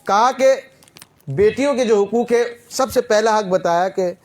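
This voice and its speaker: A man preaching a sermon, telling stories and quizzing his listeners with rhetorical questions, his voice rising and falling in loudness. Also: sits high. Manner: rhetorical questions to the audience, dramatic swings in loudness. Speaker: Islamic preacher. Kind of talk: Urdu sermon with storytelling.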